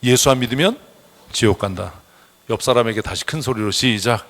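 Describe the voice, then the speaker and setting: A man's voice: mid-range voice, fairly quick, fairly bright tone. Blunt scolding male pastor. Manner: blunt, scolding, calls for amen responses. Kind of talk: sermon. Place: church sanctuary.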